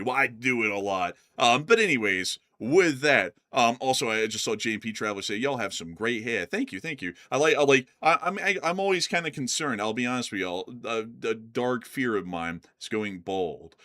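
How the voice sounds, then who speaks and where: A man hosting a live stream with casual, jokey and animated banter. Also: medium pitch.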